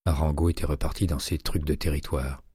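A man narrating a crime novel audiobook in a measured, even reading. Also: very deep voice, husky, dry recording, studio quality.

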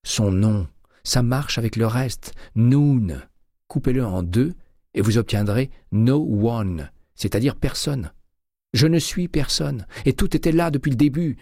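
A man's voice: sits low, moderate pace, darkish tone, breathy edge, no echo, clean studio sound. A man reading a shaken, insistent investigator. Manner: agitated, insistent, rising to exclamations. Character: shaken male ex-investigator, adult, urgent. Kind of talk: audiobook character reading.

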